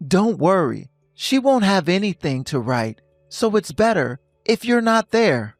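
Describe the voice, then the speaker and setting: A man's voice: high voice, very animated, a little slow, no echo, clean studio sound, soft background music, heavily acted. A man playing a cold, lecturing husband. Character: stern husband ending a toxic marriage.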